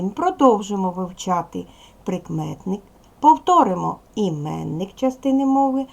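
Woman as a Ukrainian primary teacher, animated sing-song delivery, gravelly husky voice. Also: mid-range voice. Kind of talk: video lesson for second graders.

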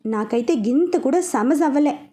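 Woman doing a rough Telangana gangster sidekick. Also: high-pitched, lively intonation, moderate pace, mellow. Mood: irritated. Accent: Telangana Telugu with Hindi words. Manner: irritated, rough. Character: irritated male gangster sidekick, local tough.

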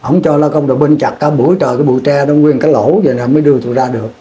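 A man's voice: medium pitch, fairly even intonation, rapid-fire, warm tone, slight background noise. A man, recalling his war years in an interview, rambling and repeating words as he restarts sentences. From Vietnam. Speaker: veteran interviewee. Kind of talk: oral history war recollection.

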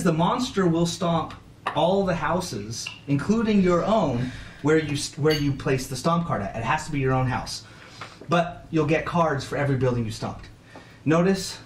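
A man explaining the rules of a board game to players at a table in a casual, chatty way, laughing often. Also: a little high. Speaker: game teacher. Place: room around a table game. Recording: echoey room from a distance, faint noise.

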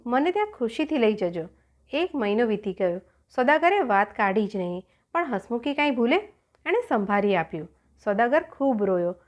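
Animated woman telling a children's story. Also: fairly high pitch, muffled recording. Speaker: audiobook narrator.

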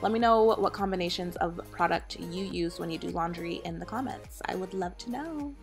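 A woman's voice: lowish voice, normal speed, loud music behind the voice. A woman in her thirties, a mother, chatting casually to her viewers in a home voice-over. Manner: chatty, upbeat, talks straight to viewers. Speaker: vlogger, mother.

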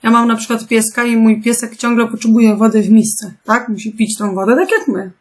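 A woman teaching a remote lesson to young pupils, patient and clear, asking them gentle questions. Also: a little high, steady tone. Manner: slow, patient, clearly articulated instructions. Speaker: primary school teacher.

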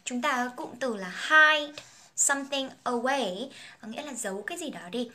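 A woman's voice: fairly high pitch, sharp tone, a little hiss or hum. Chatty young woman teaching through a song. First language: Vietnamese. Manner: chatty, explains phrases and pronunciation, then sings lines. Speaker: English teacher.

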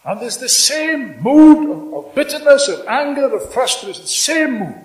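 An older man giving a fiery revolutionary speech at a stand microphone in a hall, speaking emphatically and deliberately with repetition and dramatic pauses. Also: very high-pitched, big pitch swings, recorded from a distance. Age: 60s or older. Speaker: political speaker at a congress. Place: indoor hall before a seated audience. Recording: echoey hall public-address sound.

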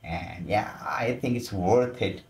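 Deep slow-talking man, roomy echo. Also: vocal fry. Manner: exclaiming, loose informal phrasing. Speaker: commentator. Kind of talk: casual voice-over commentary.

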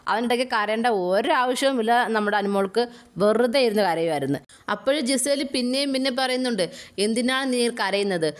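Female commentator, opinionated, rapid-fire delivery, slightly high pitch. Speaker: reality show commentator. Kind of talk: casual commentary.

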